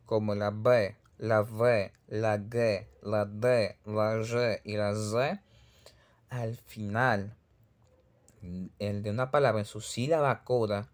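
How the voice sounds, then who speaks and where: A man with a Caribbean Spanish accent giving a pronunciation lesson, patiently repeating sample words one by one. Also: lowish voice. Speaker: Russian language teacher.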